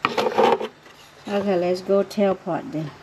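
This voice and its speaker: A woman who cooked the meal, explaining and serving it at home in an unhurried, casual way. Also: medium pitch, steady tone. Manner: unhurried, explaining as she serves. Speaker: cook. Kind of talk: casual cooking talk. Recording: home video with clear background noise.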